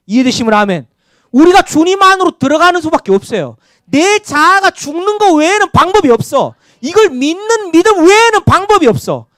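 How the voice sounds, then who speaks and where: A man's voice: extremely high pitch, no echo, studio quality. A male pastor preaching a Sunday sermon, calling for amens and having the congregation repeat after him. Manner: animated preaching with call-and-response amens. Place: church sanctuary.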